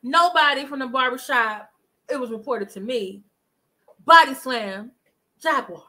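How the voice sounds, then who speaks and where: Bright-voiced woman hosting a live stream. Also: sits high, measured pace, poor audio. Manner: emphatic, talks to chat viewers. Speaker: livestream commentary host. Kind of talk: casual live commentary. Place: living room at home. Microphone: webcam at desk distance.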